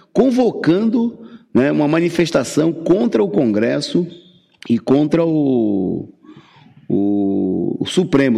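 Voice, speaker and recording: Guy doing political commentary, gravelly and kinda dark, lots of uh and restarts. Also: mid-range voice, in a large hall. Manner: halting, many fillers and restarts.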